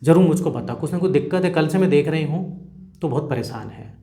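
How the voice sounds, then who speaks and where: A man's voice: on the high side, fast, dark tone, reverberant, close to an everyday voice. A man voicing a caring, protective middle-aged village aunt, with a plain, earnest reading. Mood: concerned.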